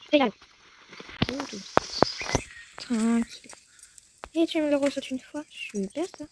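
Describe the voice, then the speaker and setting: With heavy noise in the background, a high-voiced young woman streams a Roblox horse-riding roleplay. Her casual commentary is directed at her virtual horse as she coaxes and calls it, her tone swinging from soothing to panicked shouting.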